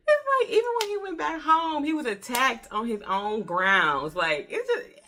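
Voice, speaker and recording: An American woman in her early thirties from Detroit, Michigan, gives a casual, chatty book review, repeating herself for emphasis. Her voice sits high with a sharp tone, and there's slight background noise.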